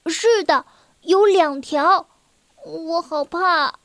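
A frightened little girl from a children's storybook, as a woman reading aloud puts her on. She speaks high and pleading, slow and a little breathless. The sound is close and dry. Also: darkish tone, no room sound. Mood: frightened whisper.

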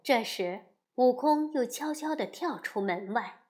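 A woman narrating a classic storybook tale with a slow, expressive reading. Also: fairly high pitch.

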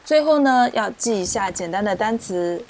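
A woman teaching pronunciation, explaining patiently and repeating syllables slowly for learners. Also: mid-range voice, animated, a little mellow. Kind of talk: slow, clear teaching explanation with drilled syllables. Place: indoors, rain heard outside.

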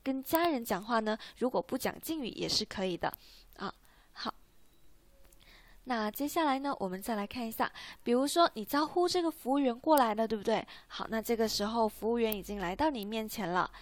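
A woman's voice: on the high side, animated, a little fast. A woman teaching a beginner language lesson, patiently repeating words and often checking with "right?".

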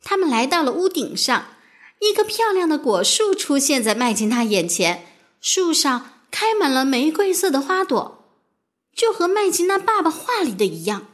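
A woman narrating a children's story with an expressive, sing-song storybook delivery. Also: sits high, moderate pace.

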